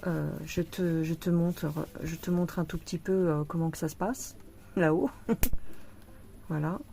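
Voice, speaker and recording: Brief: woman vlogger, tired, chatty, mellow warm tone, indoors at home. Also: fairly low pitch, fairly even intonation, measured pace, vocal fry. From France. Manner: chatty, talks to the viewer, laughs often. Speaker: cross-stitch vlogger. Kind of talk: casual chat unboxing a craft kit.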